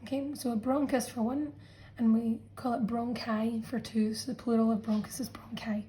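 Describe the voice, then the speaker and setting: A woman teacher walks students through a revision lesson in a patient, explanatory way, often pausing to check in. Her voice sits a little high but sounds mellow and warm. It comes across as a friendly classroom explanation. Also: flat delivery, poor audio. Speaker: science teacher. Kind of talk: revision lesson narration over a drawn diagram.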